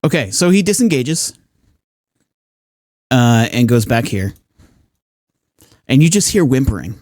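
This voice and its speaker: A man's voice: mid-range voice, big pitch swings, unhurried, darkish tone, no room sound, studio quality. A man narrating a tabletop game as game master, casual and laughing often between descriptions.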